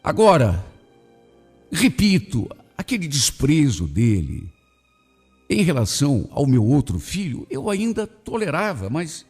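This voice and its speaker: Husky man reading a dramatic tale. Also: on the high side, darkish tone. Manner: emotional, swinging between indignation and pity. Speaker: radio host reading a listener's story. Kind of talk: dramatic first-person story reading.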